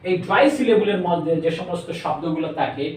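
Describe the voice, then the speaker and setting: A man with a Bangladeshi accent teaching a spoken English lesson, slowly stretching out words and mixing English into his explanations. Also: fairly high pitch, animated, darkish tone. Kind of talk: classroom lesson. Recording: echoey room, voice from a distance.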